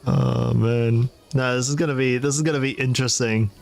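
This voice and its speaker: A man's voice: mid-range voice, steady tone, a little fast, gravelly, a little mellow. A man playing in a tabletop game, chatting playfully with hesitant restarts. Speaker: player. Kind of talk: casual pre-game chat on a voice call.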